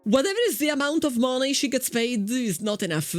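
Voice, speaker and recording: A woman's voice: sits high, animated, brisk, dry recording, faint music behind. A woman with an Italian accent giving casual, chatty game commentary as a streamer, often repeating her first words. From Italy. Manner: chatty, repeats words when starting sentences.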